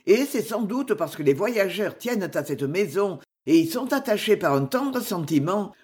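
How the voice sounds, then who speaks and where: Reading from a classic novel, this audiobook narrator delivers scripted narration that is expressive yet measured. The voice sits in the mid range.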